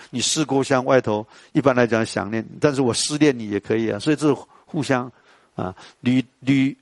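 Lively Taiwanese Mandarin man teaching poetry. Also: mid-range voice, no echo. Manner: lively, quizzes students, chants lines slowly. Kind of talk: classical poetry tonal lesson to students.

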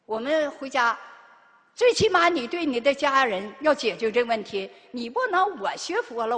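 An older woman delivers a Buddhist dharma talk, her fairly high voice swinging widely in pitch. She keeps firing rhetorical questions at the listeners. The sound carries a long reverberant hall tail. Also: a bit bright. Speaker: Buddhist lay teacher.

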